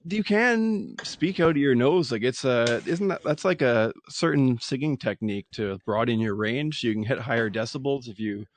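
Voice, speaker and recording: A man co-hosting a casual podcast, wry and hesitant, quick to laugh. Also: mid-range voice, lively intonation, a little hiss or hum. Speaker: podcast co-host.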